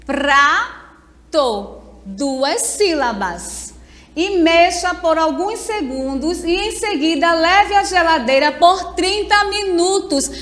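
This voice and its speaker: A Brazilian woman teacher speaks in a high, clear register at an unhurried pace. She explains patiently and sounds words out syllable by syllable. The recording carries a long reverb tail. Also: lively intonation. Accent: Brazilian Portuguese. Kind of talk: remote class lesson.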